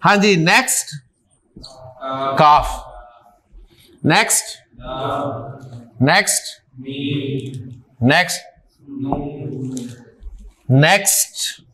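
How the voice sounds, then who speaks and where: A man's voice: sits high, animated, extremely slow, pauses often, pushed and bright. A man teaching Arabic letters in an online class, drilling each sound with patient, frequent checks.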